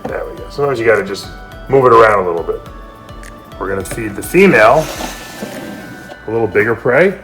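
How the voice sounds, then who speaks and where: A man who breeds snakes, talking casually through a feeding vlog and sometimes dropping to a hushed voice. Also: fairly low pitch, animated, fairly quick, pauses often. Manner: chatty, drops to a hush. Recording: background music.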